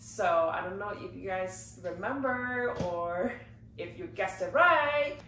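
A luxury unboxing vlogger, congested while getting over a cold, sits behind gift boxes in her living room and chats casually with viewers, leaning heavily on "like" and "you know." Her medium-pitched voice is animated, slow, and fairly bright. The room is echoey, the mic slightly distant, with a little hiss or hum.

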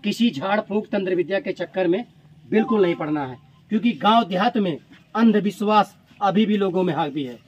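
Speaking a little fast in a high voice, this Indian man narrates a snake rescue in a village, constantly repeating "friends" to his viewers. When the crowd menaces the snake, he pleads with urgency. The audio is dull and noisy, with villagers talking all around.

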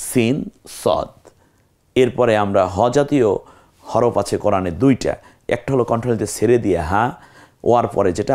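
A man teaching Quran letters on a television lesson, slowly repeating sounds for viewers to say after him. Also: fairly low pitch, a little mellow. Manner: slow, patient, repeats letters for viewers to echo.

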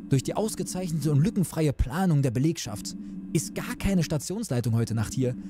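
A man voicing a wry, deadpan male night-shift nurse in a game. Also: on the high side, moderate pace, background noise, natural voice.

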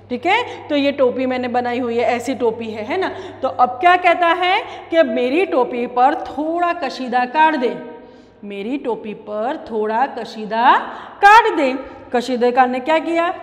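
A woman's voice: high-pitched, big-room sound. A woman teacher, animatedly telling a story and explaining words to children.

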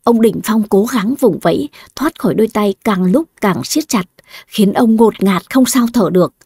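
Audiobook narrator, woman, breathy husky tone, very dry close sound, steady delivery. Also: mid-range voice, dry recording. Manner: steady, measured storytelling. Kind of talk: scripted story narration.

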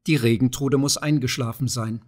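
A man voicing a poor, frail old widow who speaks softly and mildly. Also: medium pitch, fairly even intonation, moderate pace, natural voice. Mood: gentle. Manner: soft, mild, secretive.

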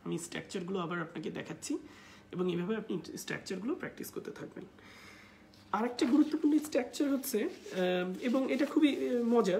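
A woman with a Bangladeshi accent teaching a live English class in Bengali. She reads English example sentences slowly and uses many filler sounds. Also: a little high, dark tone, a little hiss or hum.

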